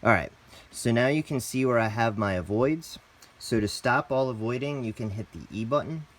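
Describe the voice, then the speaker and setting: At a moderate pace, a man with a medium-pitched, slightly bright voice presents a product tutorial step by step. He keeps things casual and simple, addressing everyone as "guys."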